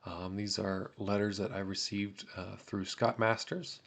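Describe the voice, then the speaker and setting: Low gravelly man, casual hobby vlog. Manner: relaxed, many fillers and pauses. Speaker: autograph collector vlogger. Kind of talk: casual hobby vlog, reading letters aloud.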